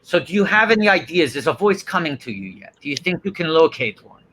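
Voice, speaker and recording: A man's voice: a little high, expressive, fairly quick, sharp tone, poor audio. A man hosting a livestream and leading improvised comedy banter. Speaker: host.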